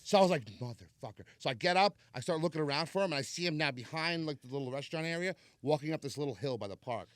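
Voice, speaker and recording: A man's voice: a little high, lively intonation, racing, hardly any pauses, dry recording. New guy on a podcast spinning a story, super casual, lots of "like", dry sound. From New York. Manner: rambling, laid-back storyteller with frequent "like" and "so". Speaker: podcast guest.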